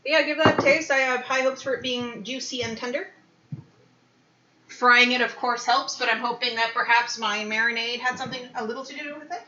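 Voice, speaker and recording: A woman hosting a casual cooking stream, chatty and playful, sounding a little low on energy. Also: fairly even intonation, fairly quick, bright, forceful tone. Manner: chatty, playful, laughs often. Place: home kitchen. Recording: echoey dull home recording.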